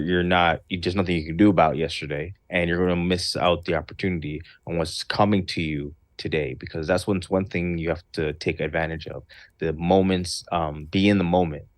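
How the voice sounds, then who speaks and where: A man giving calm motivational advice on a livestream show, pausing often with "uh", speaking through a misplaced mic. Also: low voice, no room sound. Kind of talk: casual motivational talk on a livestream.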